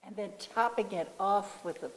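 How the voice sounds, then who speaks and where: A woman's voice: medium pitch, normal speed, roomy sound, a little hiss or hum, low-quality recording. A woman who is a dinner guest on a cooking show, gushing appreciative remarks about the food. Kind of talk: casual tasting chat.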